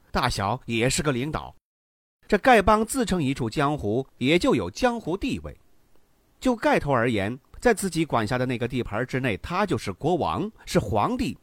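A man's voice: mid-range voice, no echo. A man narrating a radio story serial, animating it by asking and answering his own questions.

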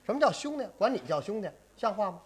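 A man serves as the straight man in a crosstalk comedy act, throwing in fast, mock-offended comebacks. His voice sits fairly high and moves around a lot in pitch. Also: sing-song, a little mellow, breathy edge. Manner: quick interjections, mock-indignant retorts.

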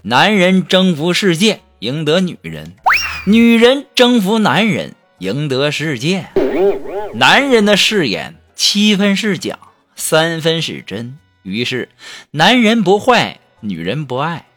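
A man's voice: a little high, huge pitch swings, slow. A man telling funny stories and jokes in a humorous monologue, with a playful, teasing and chatty manner. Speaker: comedic storyteller. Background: background music.

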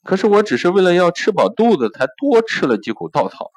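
Man doing a plaintive old ox, choked-up, low voice, storybook telling. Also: brisk, natural voice, poor audio. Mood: aggrieved. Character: sad, hardworking, aggrieved old ox.

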